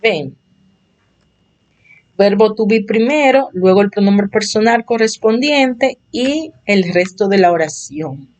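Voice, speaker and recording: A woman teaching beginner English at an unhurried, deliberate pace, her first language Spanish. She explains patiently and repeats each example so her students can follow. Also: mid-range voice, lively intonation, a little mellow. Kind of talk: slow explanatory online lesson.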